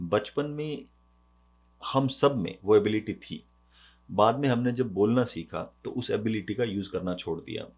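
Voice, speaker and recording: A man's voice: on the low side, unhurried, husky. A man hosting an educational video, explaining in a conversational way, mixing English terms into his speech and asking rhetorical questions. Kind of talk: explanatory lesson. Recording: dull lo-fi sound.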